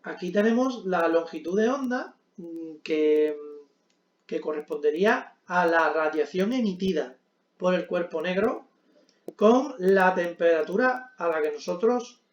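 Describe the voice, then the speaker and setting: A man's voice: high voice, expressive, unhurried, echoey room, highs cut off. A man teaching a physics lesson at a board, explaining step by step with frequent check-ins and hesitant fillers.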